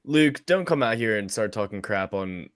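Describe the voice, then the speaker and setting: A man's voice: on the low side, expressive, moderate pace. A man co-hosting a sports picks podcast in casual chat, introducing fights like an announcer. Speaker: podcast co-host.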